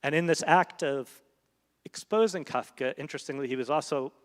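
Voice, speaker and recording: With a slightly high voice and a brisk delivery, the male literary translator converses onstage in an event hall, weighing his words hesitantly and leaning on fillers. The hall's long reverb colors the recording.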